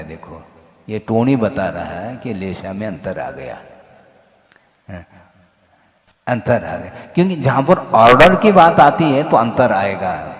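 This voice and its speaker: Slow-speaking monk preaching in an echoey hall. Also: male voice, mid-range voice. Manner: slow, questioning, teacherly, stresses points with "hm?" and "haan". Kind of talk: sermon. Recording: echoey hall, long reverb.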